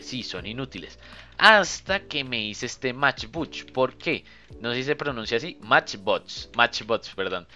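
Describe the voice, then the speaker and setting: A young man, giving casual, chatty commentary while playing a game and thinking out loud to his viewers. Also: mid-range voice, dull audio. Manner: chatty, thinks aloud, often addresses viewers as "muchachos". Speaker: gaming youtuber.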